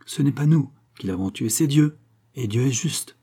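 A man's voice: medium pitch, lively intonation, normal speed, warm tone, husky, voice pushed up. A man reading an audiobook, voicing a courtly, impassioned young impostor marquis in a raised voice. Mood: solemn. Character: smooth-talking young male impostor marquis, passionate.

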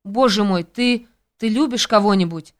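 A woman voicing an excitable, anxious young friend, exclaiming her lines in an audiobook. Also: mid-range voice, moderate pace, close to an everyday voice. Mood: excited. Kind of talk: audiobook character reading.

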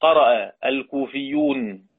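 A man with an Egyptian accent teaching Quran readings. He explains slowly, chants the quoted verses and puts questions to his pupils. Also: mid-range voice. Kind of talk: religious lesson. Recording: tinny phone-like audio.

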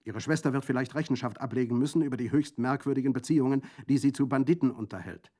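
A pompous official barks orders with growing impatience, as a male reader puts him on. His voice is loud and clipped. It is an audiobook reading. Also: mid-range voice, fast, voice pushed up, lightly acted. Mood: impatient. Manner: commanding, impatient.

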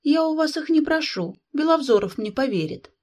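A woman's voice: high-pitched, expressive, normal speed, darkish tone, voice pushed up. A woman doing a teasing, imperious young princess.

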